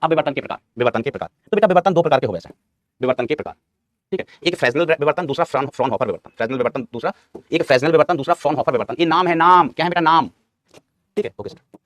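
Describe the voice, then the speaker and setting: A man's voice: a little high, expressive, very fast, fairly bright tone, no room sound. A male physics teacher giving a classroom lecture, quizzing his students, answering his own questions and repeating key terms, calling them son and brother.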